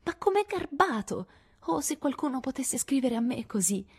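A woman's voice: high-pitched, very animated, normal speed, slightly rough, voice pushed up, heavily acted. A woman reading an audiobook, voicing a prim, affected young girl who gushes. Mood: delighted. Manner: gushing, affected.

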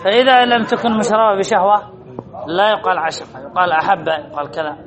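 A man's voice: high voice, steady tone, fast talker, a crowd in the background, low-quality recording. A man, a sheikh, teaching a classroom lesson, reading a phrase and then explaining it, repeating key words and putting questions to his students. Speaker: sheikh teaching Arabic morphology.

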